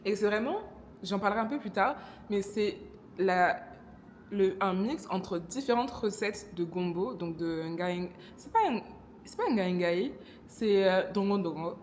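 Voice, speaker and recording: A woman's voice: mid-range voice, a little slow, a little mellow. Young Congolese woman, casual vlogger, chatty and self-correcting, light background hiss. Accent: Congolese French. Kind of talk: casual vlog narration.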